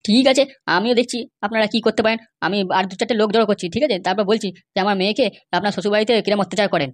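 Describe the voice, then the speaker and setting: A woman's voice: medium pitch, steady tone, racing, no room sound, pitched below the performer's own voice, lightly acted. A woman voicing an angry older man, a bride's father who blusters and threatens in a cartoon.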